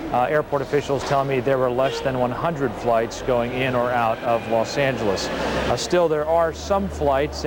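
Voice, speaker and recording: A man's voice: mid-range voice, noisy background. Man reporting live news on a worn tape copy. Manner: measured delivery with frequent "uh" fillers. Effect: worn tape copy of a TV broadcast. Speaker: field reporter. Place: airport terminal.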